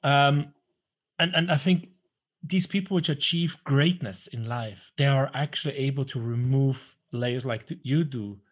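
A man's voice: medium pitch, a little slow, husky. A man in his thirties from Switzerland, hosting a casual interview over a video call at home, talking animatedly. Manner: animated, gestures a lot, swears when flustered. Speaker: podcast host. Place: small room at home. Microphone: desk microphone on video call.

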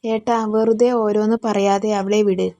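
A woman's voice: medium pitch, little pitch movement, normal speed, warm tone, lightly acted. A woman voicing a spirited, loyal young woman who speaks firmly and scolds. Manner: firm, scolding.

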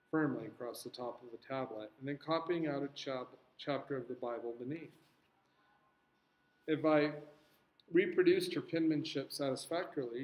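Man reading a novel aloud in an echoey room. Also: medium pitch. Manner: steady reading, casual asides.

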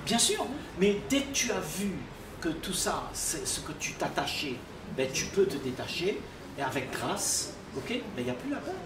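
An older man speaks slowly and gently, like a teacher leading a dialogue. He sounds distant from the microphone in a reverberant room. A steady background noise sits under his voice. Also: high voice. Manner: calm, teaching, often asks "tu comprends?". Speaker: speaker at a public talk. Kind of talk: spiritual dialogue with audience. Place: library reading area, indoors. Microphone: far room microphone. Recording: echoey room, distant mic, noisy.

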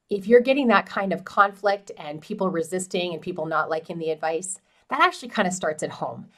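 Middle-aged woman, lowish voice, direct and encouraging advisor to camera. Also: a bit bright. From Canada. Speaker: farm transition specialist. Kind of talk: educational talk to camera. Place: small indoor office.

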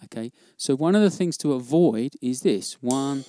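A man teaching jazz drumming in a casual, relaxed way, often checking in with "okay?". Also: mid-range voice, moderate pace. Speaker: drum teacher. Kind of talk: casual instructional demo.

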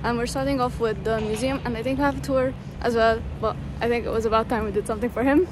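A young woman in her twenties vlogs her travels to a handheld camera held at arm's length, walking through city streets and stadium grounds and laughing often as she describes her plans. Her high-ish voice is fast and fairly even in intonation. The background is noisy.

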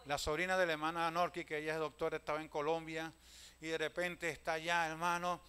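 High bright-voiced pastor preaching. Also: male voice, level tone, fast, smooth. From Venezuela. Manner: storytelling preacher, swings from loud calls to hushed asides, keeps saying "hermano". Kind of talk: sermon.

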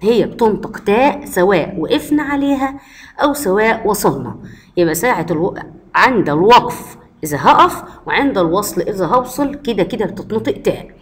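A woman's voice: mid-range voice, animated, a little fast. A woman with an Egyptian Arabic accent, a primary school teacher giving a recorded lesson to first graders and answering her own questions patiently. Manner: patient, asks the class questions and answers them herself.

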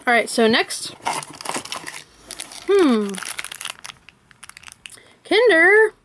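A woman's voice: a little high, a bit bright, slight background noise. A woman chatting casually as she unwraps and tastes snacks for a vlog, thinking aloud as she goes. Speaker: vlogger.

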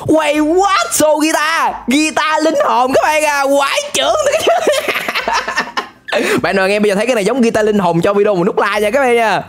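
Hyped man, lively voice. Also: very high-pitched, normal speed, noisy background. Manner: hyped, shouts often, mixes English exclamations. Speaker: YouTuber reacting to an animated series. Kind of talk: excited reaction commentary.

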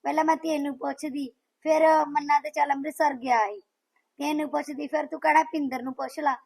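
A woman's voice: high-pitched, steady tone, fairly quick, creaky, a little mellow. A Punjabi woman acting a sister-in-law in a village drama, defensively protesting her side of a quarrel. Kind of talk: scripted village family drama.

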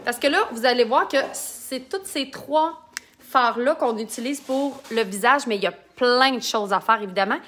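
A woman's voice: on the high side, normal speed, fairly bright tone. A woman with a Québécois accent, chatting and joking while she demonstrates makeup in a casual live tutorial and reads out viewer comments. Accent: Québécois French. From Quebec.

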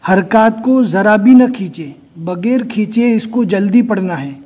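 A man's voice: high-pitched, lively intonation, a little mellow, slightly rough. A man teaching Quran reading step by step, patiently sounding out letters one by one. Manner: patient, repeats each letter sound slowly. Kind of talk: slow, step-by-step recitation lesson.

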